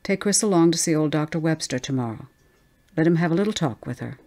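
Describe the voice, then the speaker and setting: A woman's voice: low-pitched, animated, fast talker, a little mellow. A woman voicing an easygoing, practical husband in a story, in a breezy, dismissive, reasoning manner.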